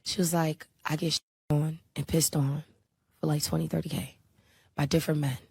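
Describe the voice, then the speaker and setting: A woman telling a story in a casual, animated, gossipy way. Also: deep voice, normal speed, creaky, husky, no room sound, clean studio sound.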